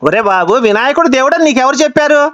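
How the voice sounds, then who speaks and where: A man's voice: extremely high pitch, lively intonation, racing, fairly bright tone, dry recording, dull audio. A man hosting a call-in show who argues hotly with a caller and hammers him with the same rhetorical questions again and again. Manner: combative, fires repeated rhetorical questions. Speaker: host taking a phone call. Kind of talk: heated phone argument.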